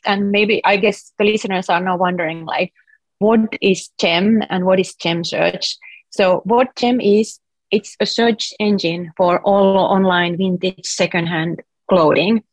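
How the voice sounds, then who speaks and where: A Finnish woman with a Finnish accent guests on an interview show, chatting casually and explaining her app in a friendly way, often using "like" as filler. Her mid-range voice is a little slow, and the rough recording has no room sound.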